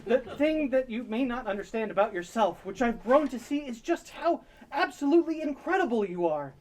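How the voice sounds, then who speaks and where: A woman's voice: fairly high pitch, expressive, normal speed, darkish tone, lightly acted. A woman playing a doting, dorky single dad, earnest and sentimental, in an improvised comedy audio drama. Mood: earnest urging. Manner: earnest, sentimental pep talks.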